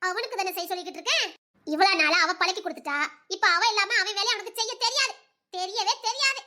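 A woman's voice: very high voice, quick pace, pushed and bright. A woman doing a scheming gossipy mother. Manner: gossiping, scornful, chuckling. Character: scheming middle-aged mother plotting for her son. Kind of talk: audio drama acting.

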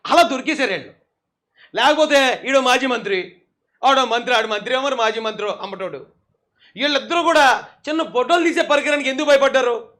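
Male commentator, high bright voice, sarcastic, scolding, laughs at his targets. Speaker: political commentator. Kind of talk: mocking video commentary.

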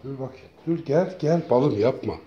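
A man talking casually to his cats, calling them over and over in a coaxing way and now and then gently scolding them. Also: medium pitch, animated, moderate pace, lo-fi sound, slight background noise. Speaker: cat feeder. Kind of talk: casual talk to pets.

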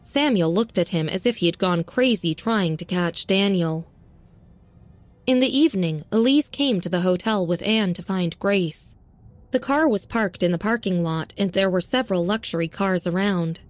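A woman narrating a serialized audio story in a steady, even reading. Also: lowish voice.

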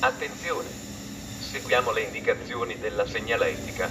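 A man giving a formal, measured, automated train station announcement over loudspeakers on an outdoor railway platform. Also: lowish voice, expressive. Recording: distant echoey station PA, loud train noise. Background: trains and station ambience.

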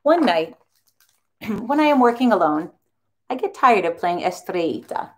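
A woman who teaches a children's music class, reading a storybook aloud in an expressive, animated way. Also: medium pitch, unhurried.

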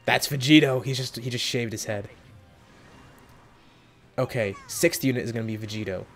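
An excitable young man narrates his game summons in a casual, chatty way. His pitch sits in the middle of the male range, and he mutters quietly between pulls before breaking into high excited yelps. Faint music plays underneath. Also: normal speed. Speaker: gaming video host. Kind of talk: casual gacha summon reaction.

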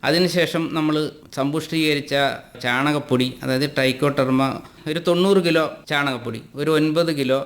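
A man from Kerala, a farmer guest with a Malayali accent, explaining his methods in plain, unhurried interview talk with some hesitations. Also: a little high. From Kerala, India.

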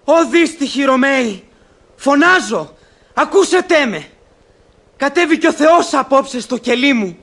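An actor playing a wrathful old abbot who proclaims God's curse in a declamatory classic radio drama. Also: male voice, very high-pitched, lively intonation, fairly bright tone, exaggerated voice. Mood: thundering. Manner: thundering, declamatory. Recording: old archival radio recording.

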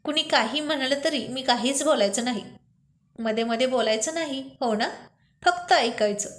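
A cross young woman who sulks and brushes off her partner. A woman narrator voices her in her own high register. Her replies come clipped and curt, like a storybook read aloud. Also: normal speed, a bit bright, roomy sound. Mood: irritated. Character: sulky, irritated young woman. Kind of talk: storybook reading.

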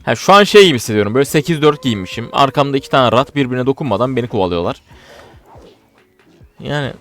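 A young man commentating his own gameplay, getting frustrated and swinging between low muttering and loud outbursts. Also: lively intonation, quick pace, soft background music. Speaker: gaming streamer.

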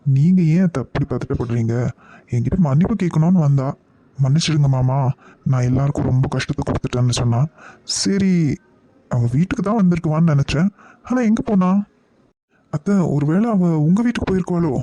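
A man's voice: a little high, lively intonation, a little fast, pauses often, warm tone, no echo. A man voicing a concerned young nephew. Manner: concerned, reassuring. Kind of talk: cartoon voice acting.

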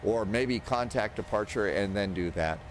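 This is a man in his sixties, lowish voice at a moderate pace, casually teaching a flight simulator by talking himself through each step out loud. He records indoors at a home streaming station on a close desk mic, with constant simulated cockpit and engine noise in the background.

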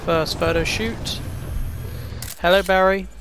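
Against background noise, a young man from Wales speaks in a high-pitched, fairly even voice with a Welsh accent. As a gaming YouTuber narrating his play, he gets frustrated and sweary, snapping out quick bursts.

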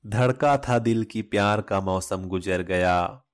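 A man hosting a channel, reading a scripted introduction and then reciting love couplets in a measured, solemn way. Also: lowish voice. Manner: slow, measured, solemn delivery. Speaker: channel host and poetry reciter.

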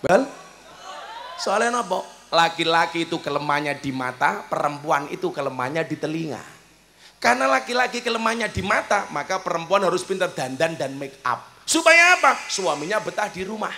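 A man with a Javanese accent preaching a humorous sermon at a village gathering, swinging between loud preaching and soft joking asides. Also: a little high, big pitch swings, a little fast, vocal fry. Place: outdoor village event.

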